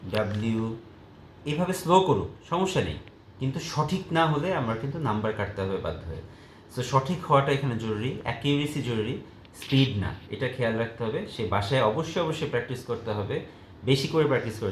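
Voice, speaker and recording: Guy explaining typing slowly, calls out letters one by one, roomy echo, bit of background hum. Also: mid-range voice. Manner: calls out each key letter as he types; explains step by step to parents of students. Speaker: teacher. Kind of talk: typing tutorial. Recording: echoey room, faint ambience.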